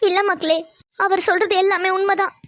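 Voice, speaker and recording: A woman's voice: very high-pitched, flat delivery, brisk, background noise. A woman voicing an anxious middle-aged mother in a cartoon who hurries her daughters home. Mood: resigned. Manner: pleading, insistent. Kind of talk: cartoon voice acting.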